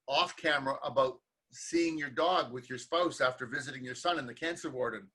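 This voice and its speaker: A man's voice: medium pitch, fairly quick, sharp tone, husky, low-quality recording. A man hosting a conversational interview, talking earnestly and with humor about hard times. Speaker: interview host.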